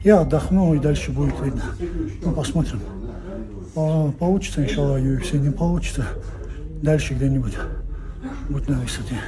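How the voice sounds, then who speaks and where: A man's voice: fairly high pitch, brisk, long pauses, rough recording. A male fighter, giving modest, noncommittal interview answers. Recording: crowd noise in busy venue.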